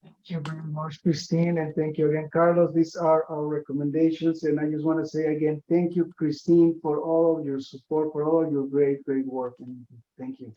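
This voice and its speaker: A man's voice: a little high, flat delivery, moderate pace, dark tone, highs cut off. A man giving appreciative remarks as a presenter at a committee meeting.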